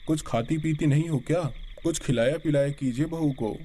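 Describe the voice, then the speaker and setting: A man's voice: fairly high pitch, moderate pace, mellow, slight background noise, voice pushed up, lightly acted. A man voicing a mild village doctor in a horror story, explaining and placating.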